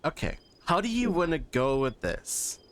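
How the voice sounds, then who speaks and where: Chatty streamer guy, kinda high voice, bouncy, trips over words a lot. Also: very animated, moderate pace. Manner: rambling, stammering, upbeat. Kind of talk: casual chat.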